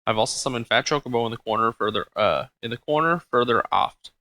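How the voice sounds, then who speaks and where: A man's voice: medium pitch, quick pace, pushed and bright, no room sound, natural voice. A man reading aloud the lines of an old woman sage who guides the party through a video game, in an instructive tone.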